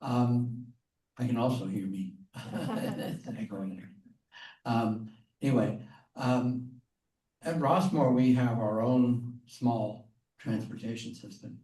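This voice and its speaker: An older man asking a question in a group video call meeting, speaking in a measured, hesitant way with frequent ums. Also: medium pitch, warm tone. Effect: heard over a group video call. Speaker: community member asking a question. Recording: distant, echoey call audio.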